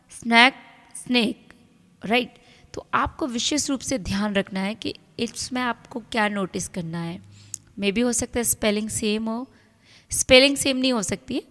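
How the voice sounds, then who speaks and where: A woman teaching a pronunciation lesson, explaining step by step and mixing Hindi with English, often checking in with "right?". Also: a little high. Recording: long hall reverb.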